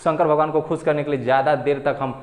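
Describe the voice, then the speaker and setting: A man's voice: on the high side, steady tone, echoey room. Patient male Hindi grammar teacher. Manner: patient, repeats key terms slowly, asks and answers own questions. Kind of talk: exam-prep Hindi grammar lesson.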